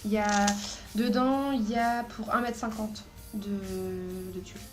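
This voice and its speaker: A woman's voice: mid-range voice, fairly even intonation, unhurried, over music. A woman hosting a casual craft video, chatty and hesitant, with frequent fillers and giggles. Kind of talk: casual craft haul and tutorial chat.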